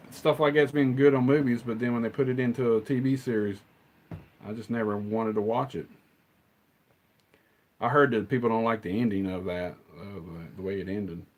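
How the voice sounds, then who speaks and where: A man's voice: mid-range voice, a little mellow. A middle-aged man, hosting a rambling, casual live stream chat and answering the chat as he goes.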